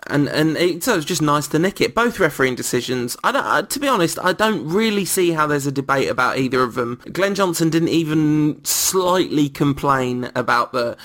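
A man's voice: on the high side, lively intonation, normal speed, hardly any pauses, fairly bright tone. Rambling male football podcast host. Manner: rambling, self-mocking, many restarts. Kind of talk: casual football chat.

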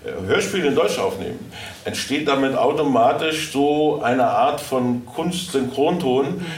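At a live event in an indoor convention hall, a man answers questions informally as an audio drama producer. His medium-pitched, expressive speech is halting, with many false starts as he searches for words. The recording is echoey and noisy, with him far from the mic.

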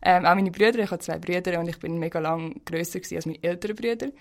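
A woman with a Swiss German accent talks quickly in a lowish voice, chatting frankly as a guest. She often restarts her sentences mid-thought. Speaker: interview guest. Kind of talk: casual personal conversation.

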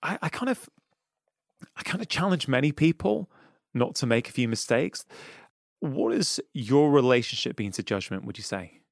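This Manchester-accented Englishman hosts a podcast with a mid-range, expressive voice carrying vocal fry, at a moderate pace. His reflective interview style is thoughtful and earnest, full of "you know." It's studio-quality audio with no echo.

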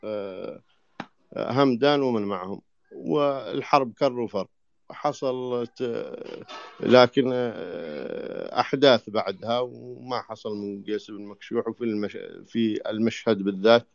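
Low-voiced sheikh on a dull distant line. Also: male voice, vocal fry, dry recording. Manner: halting, with many restarts and drawn-out fillers. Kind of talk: casual talk in an online voice chat.

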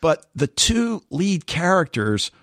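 A man's voice: on the high side, sing-song, slow pace, a bit bright, no room sound, studio quality. A man co-hosting a podcast, chatting casually and telling stories with animation. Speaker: podcast co-host.

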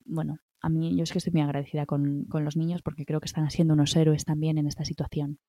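As a wellbeing guest, a middle-aged woman with a Spanish accent from Spain gives encouraging, reassuring self-care advice, frequently adding small tag questions to check in. She talks fast in a low-pitched, dark voice with flat delivery, and there's no echo.

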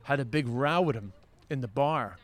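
A man's voice: medium pitch, moderate pace, a bit bright. A man hosting a podcast, telling rambling stories in casual chat with many restarts. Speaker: podcast host.

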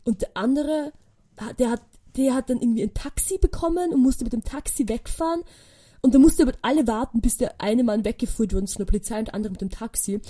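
Fast-talking young woman, mellow voice. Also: on the high side, husky. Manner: animated, acts out quoted dialogue, chatty with many fillers. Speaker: podcast host. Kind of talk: casual storytelling monologue.

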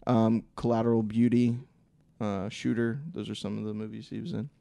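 A man's voice: lowish voice, flat delivery, moderate pace, vocal fry, warm tone, dry recording. A man chatting casually about films as a panelist, often hesitating as he searches for the right words. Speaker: podcast panelist. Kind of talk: casual film discussion.

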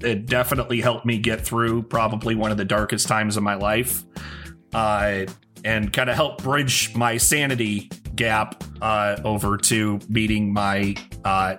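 A man's voice: lowish voice, fairly bright tone. A man co-hosting a podcast, telling a rambling casual story with lots of fillers and swearing. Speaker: podcast co-host. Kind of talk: casual chat.

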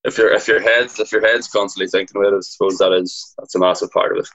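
A man's voice: sits low, steady tone, quick pace, fairly bright tone, muffled recording. A man in his twenties with a Donegal Irish accent, chatting casually and colloquially as a guest, peppering his sentences with "like". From Donegal, north-west Ireland. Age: 20s. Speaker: podcast guest, amateur Gaelic footballer. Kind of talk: casual chat.

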